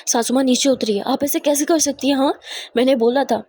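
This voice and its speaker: A woman's voice: fairly high pitch, a little fast, a little mellow. Woman voicing a fierce, anxious young woman. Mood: furious. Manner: demanding, urgent, accusing.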